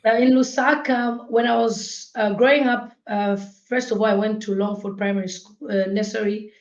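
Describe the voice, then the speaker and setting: A woman's voice: medium pitch, fairly even intonation, normal speed. A young woman, answering interview questions in a chatty way with lots of ums. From Zambia. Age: young adult. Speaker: guest, blogger. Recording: echoey dull remote call audio.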